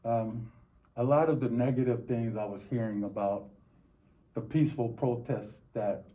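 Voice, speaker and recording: A middle-aged American man from Los Angeles giving reflective, halting interview answers, often repeating words. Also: mid-range voice, fairly even intonation, dark tone. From Los Angeles, United States. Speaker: interview guest. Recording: dull, muffled lo-fi recording.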